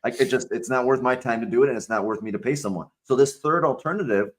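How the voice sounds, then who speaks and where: A man on a live show chatting in a relaxed, matter-of-fact way, sometimes trailing off mid-thought. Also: medium pitch, fast. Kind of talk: casual live-stream chat.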